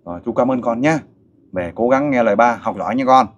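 A middle-aged man hosting a casual interview, coaxing and animated as he questions a child and a father. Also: mid-range voice, quick pace, dull audio. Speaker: host interviewer for a volunteer group.

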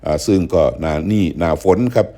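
A man's voice: very deep voice, fairly even intonation, a little fast, mellow. An older man, hosting a show and patiently explaining dialect words. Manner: patient, explanatory, acts out example phrases. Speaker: host.

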